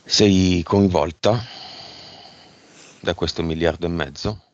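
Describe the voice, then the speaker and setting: A man leading an esoteric hypnosis session, asking brisk, directive questions. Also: low voice, steady tone, a little hiss or hum. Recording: dull lo-fi sound.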